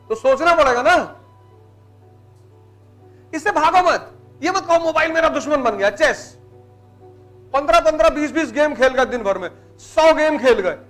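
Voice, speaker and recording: A man's voice: very high-pitched, fairly bright tone. A man giving a blunt, teasing motivational lecture to students in colloquial speech. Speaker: motivational teacher.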